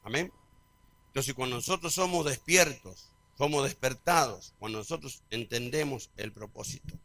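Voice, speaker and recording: Middle-aged pastor, bright voice, dry mic, preaches with loud call-and-response swings. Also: male voice, medium pitch, moderate pace, no echo. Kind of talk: sermon.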